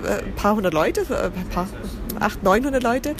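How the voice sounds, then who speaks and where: Music plays in the background as a woman with a mid-range voice and lively intonation talks at a normal speed. As a guest in a relaxed interview, this theatre company founder from southern Germany restarts often, searches for words and slides into English.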